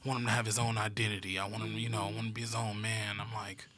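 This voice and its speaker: A man's voice: fairly low pitch, flat delivery, racing, a bit bright, faint music behind. A man in his thirties hosting a podcast, chatting in a laid-back, conversational way. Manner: laid-back, conversational with restarts and "you know". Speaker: podcast host. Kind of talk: casual interview chat.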